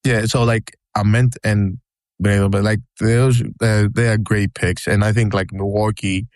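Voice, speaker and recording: A man from Greece co-hosting a podcast, talking excitedly and repeating himself in casual sports chat. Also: on the low side, dry recording, clean studio sound. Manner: fast, excitable, repeats words and says "bro". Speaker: podcast co-host.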